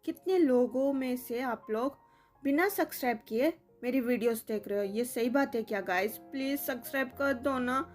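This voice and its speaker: Chatty high-voiced woman host. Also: moderate pace, a little mellow, faint music behind. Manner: chatty, coaxing. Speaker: storyteller, channel host. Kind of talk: casual chat to viewers.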